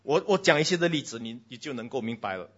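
A man preaches to a congregation, trading loud exclamations for hushed lines, weaving in English phrases, and speaking right to the children. His mid-range voice is animated, fast, and husky, and the recording sounds muffled.

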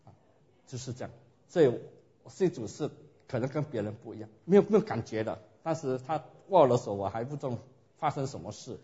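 Animated male preacher, lo-fi recording. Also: medium pitch, a little fast. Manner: animated storytelling, rhetorical questions to listeners. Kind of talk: sermon with personal testimony. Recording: dull lo-fi recording.

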